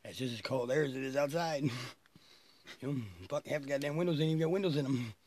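A man's voice: mid-range voice, fast talker, darkish tone, a little hiss or hum. A man telling a long rambling story, swearing often and laughing between phrases.

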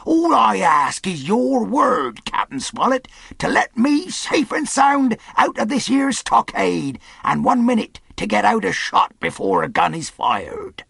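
Storybook pirate leader, acted by a male narrator: sly, jovial, folksy, loud, pitched well up, swooping. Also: sing-song, unhurried, vocal fry, few pauses, breathy edge, dry recording, heavily acted. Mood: bold, bargaining. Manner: bellowing, folksy, bold. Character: Long John Silver, cheery cunning male pirate leader.

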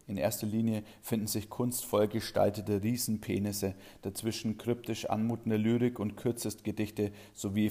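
Deadpan man, low mellow voice. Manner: dry, sardonic, deadpan. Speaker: schoolteacher. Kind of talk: reading a satirical short story.

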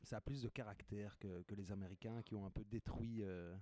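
Low, dark-voiced guy. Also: fairly even intonation, brisk, no room sound. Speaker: student in a class discussion. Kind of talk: casual discussion.

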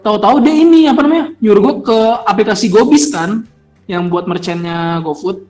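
A man telling a story casually among friends, animated and acting out the voices of the people he quotes. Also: high voice, fairly quick, soft background music, rough recording. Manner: animated, acts out the phone caller's lines.

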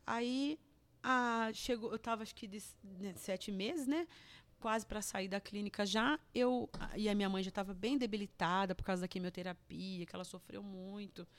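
Brazilian woman guest, heartfelt testimony, mid-pitched, emotional, restarts often. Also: moderate pace. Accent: Brazilian Portuguese. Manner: earnest and emotional, with many restarts. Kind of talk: personal testimony in casual chat.

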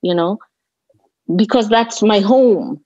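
A woman's voice: mid-range voice, slow pace, mellow. A woman with a Kenyan accent talking reflectively as an interview guest, thoughtful and given to emphatic repetition. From Kenya, grew up in Nairobi. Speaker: interview guest, landscape designer. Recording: roomy, slightly dull lo-fi audio.

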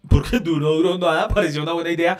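A man co-hosting a podcast, telling animated stories, acting out quotes and laughing often. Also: on the high side, very fast, faint music behind. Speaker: podcast co-host. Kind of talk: casual podcast banter.

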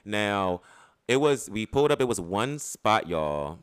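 A man, co-hosting a casual podcast chat and telling stories in a loud, animated, profane way. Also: on the low side, unhurried, clean tone, dry recording, studio quality. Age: 30s. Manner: animated, profane storytelling with bursts of laughter. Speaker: podcast co-host.

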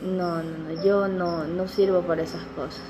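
Lively young woman telling a story. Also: fairly low pitch, moderate pace, noisy background. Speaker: co-host. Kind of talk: casual chat.

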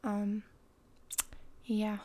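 A woman's voice: medium pitch, monotone, drawn-out words, mellow. A woman guest on a podcast, talking in a laid-back, slangy way with lots of fillers, born in Russia and raised in Canada. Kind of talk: casual chat.

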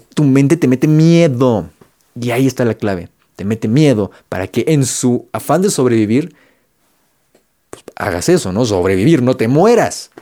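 Mellow-voiced Mexican man giving motivational talk. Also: mid-range voice. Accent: Mexican Spanish. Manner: conversational, repeats phrases for emphasis, slangy. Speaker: motivational vlogger. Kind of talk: casual motivational talk to camera.

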